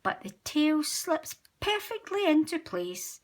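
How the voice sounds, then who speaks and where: A woman reading a children's storybook aloud as host of a story time, gentle and expressive. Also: sits high, slow pace, a little hiss or hum. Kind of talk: children's read-aloud narration.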